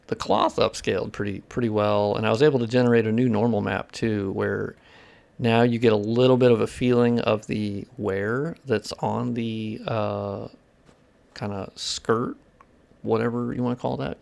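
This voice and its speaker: Gravelly-voiced man streaming a game. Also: on the low side, steady tone, measured pace, a little mellow. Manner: casual and profane, chatting with viewers while playing; technical explaining between bursts of reaction. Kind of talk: casual live-stream gameplay commentary.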